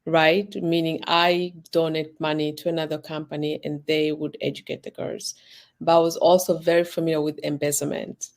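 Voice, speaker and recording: Her voice low-pitched with little pitch movement and a moderate pace, a designer and business owner born in Uganda and raised in Sweden talks loosely as an interview guest. The chat is casual and rambling, full of restarts and "like"s.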